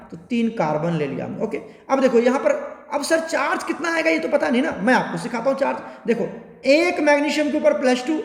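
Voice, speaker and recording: A male teacher explains chemistry in a classroom lecture, with a very high voice. He coaxes his students, asking over and over whether they have understood. The sound is roomy, with a long reverb behind him. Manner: coaxing, keeps asking students if it is clear. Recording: echoey room with long reverb.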